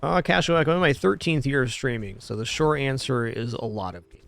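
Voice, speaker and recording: A man's voice: medium pitch, fairly quick, vocal fry, fairly bright tone. A man giving casual commentary as he streams a video game. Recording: faint game music behind.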